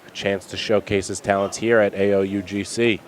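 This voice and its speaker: A man's voice: fairly low pitch, level tone, fairly quick. A man doing colour commentary at a live outdoor match, analysing tactics and player backgrounds. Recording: loud crowd behind.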